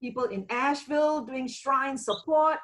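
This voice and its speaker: A woman's voice: high voice, moderate pace, a bit bright, poor audio. A woman from Malaysia speaking on a video call, chatty and hesitant with many fillers, laughing now and then. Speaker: community member. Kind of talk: casual group video call greeting.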